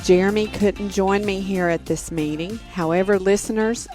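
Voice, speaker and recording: A woman's voice: on the low side, dry recording. Chatty Southern woman hosting a podcast. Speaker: podcast host. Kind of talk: casual interview chat.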